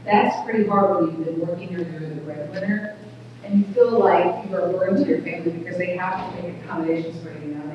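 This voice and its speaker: A middle-aged woman with a small, thin voice giving an earnest public talk at a community event, speaking plainly with halting restarts. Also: on the low side, distant mic. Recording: echoey hall recorded from afar, dull.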